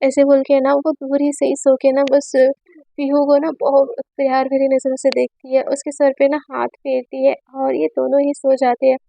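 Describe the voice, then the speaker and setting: Young female storyteller with a high, soft-toned voice; chatty narration, dry close recording. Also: completely flat delivery, normal speed, creaky. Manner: retells a romance in a chatty, conversational way, voicing each character's quoted lines. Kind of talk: casual spoken storytelling.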